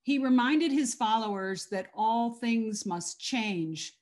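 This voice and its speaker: A woman giving a measured, formal scripted religious reading. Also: fairly high pitch, expressive, darkish tone.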